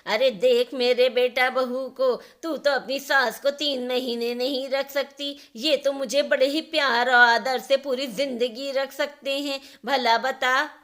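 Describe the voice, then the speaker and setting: A woman voicing a kindly older mother-in-law who talks in a soft, coaxing way. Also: fairly high pitch, slow pace, hardly any pauses. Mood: reproachful.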